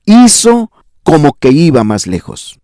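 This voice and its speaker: Predicador fervoroso de voz seca. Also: male voice, huge pitch swings, measured pace, warm tone, dry recording, studio quality. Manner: fervent preaching with repetition and sudden pitch rises. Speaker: pastor. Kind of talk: sermon. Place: church.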